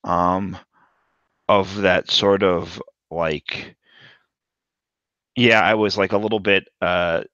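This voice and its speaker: A man's voice: deep voice, steady tone, slow, pauses often, fairly bright tone, no room sound. A man narrating his character's thoughts in a tabletop game, thoughtful and hesitant with many ums. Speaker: player. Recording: dull lo-fi audio.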